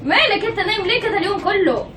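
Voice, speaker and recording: A woman with an Egyptian accent in casual home banter, talking in an insistent, excitable, nagging way. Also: very high-pitched, racing. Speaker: mother and wife in a family prank vlog. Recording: echoey room, distant mic, noisy background.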